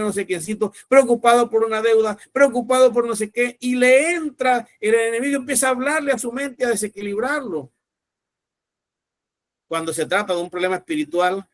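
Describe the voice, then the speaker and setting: A pastor preaching with a notably high voice. He speaks emphatically and with command, urging his listeners on. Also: dry recording, clean studio sound. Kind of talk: sermon.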